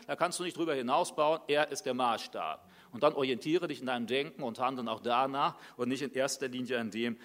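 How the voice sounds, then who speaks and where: Animated German man preaching a sermon. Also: mid-range voice. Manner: lively, conversational preaching with rhetorical questions.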